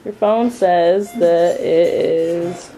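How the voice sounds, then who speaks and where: A woman's voice: on the low side, drawn-out words, mellow, rough recording. A woman chatting casually, coaxing someone along with short, simple questions. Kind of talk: casual chat.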